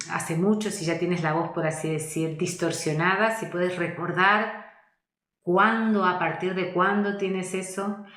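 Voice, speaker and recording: A woman voice coach, teaching in a thoughtful way, often pausing to search for words and inviting the listener to reflect. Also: lowish voice, a bit bright. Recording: echoey room.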